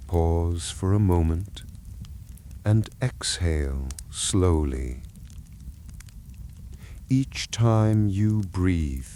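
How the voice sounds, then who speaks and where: A man narrating a soothing sleep story in a hushed, gentle, calming way, with long pauses between phrases. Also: sits low, a little hiss or hum.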